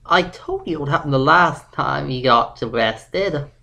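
A man's voice: a little high, a little slow, creaky, bright, forceful tone, muffled recording, heavily acted. A man playing a stern, lecturing father. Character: stern middle-aged father scolding his daughter. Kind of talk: amateur fan audio drama.

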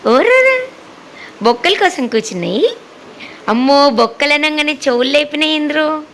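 A woman's voice: high-pitched, moderate pace, creaky, a bit bright, a little hiss or hum, low-quality recording. A woman, playfully teasing and baby-talking to her dogs in a sing-song, coaxing way. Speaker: dog owner vlogger.

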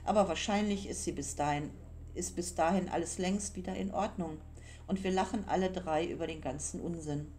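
A woman voicing a talkative young man in an audiobook, speaking in a quick, persuasive way with a raised voice. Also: fairly low pitch, steady tone, darkish tone, slight background noise, close to an everyday voice. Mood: reassuring. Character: young male storyteller, talkative, evasive, easily startled.

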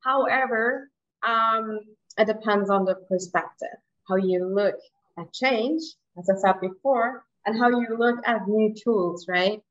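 A woman's voice: mid-range voice, measured pace, fairly bright tone, muffled recording. Hesitant woman presenting over a video call. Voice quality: hesitant, with frequent ums and rhetorical "right?". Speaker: presenter and software trainer. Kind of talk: webinar presentation.

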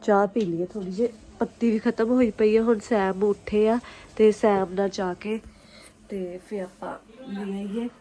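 A woman's voice: medium pitch, fairly even intonation, measured pace, dark tone. A young woman chatting informally at home to viewers and children, in a casual vlog style. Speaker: family vlogger, mother of small children. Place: indoors at home.

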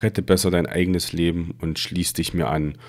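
A man reading the lines of a cold, menacing disembodied dark wizard in slow, hissing tones. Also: low voice, steady tone, close to an everyday voice.

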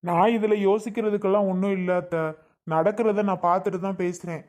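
A man's voice: high voice, fairly even intonation, a little fast, a little mellow, natural voice. A man playing a young husband who firmly stands up for his pregnant wife against her mother in a drama skit. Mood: reproachful. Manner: firm, reproachful.

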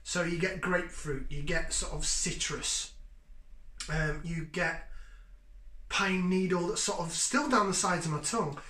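Bright-voiced man tasting beer at home. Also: high voice, measured pace. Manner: enthusiastic, savoring, chatty with sniffs and sips. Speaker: beer reviewer. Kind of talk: casual beer tasting review. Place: home kitchen, indoors. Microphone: fixed camera at table distance. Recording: echoey kitchen.

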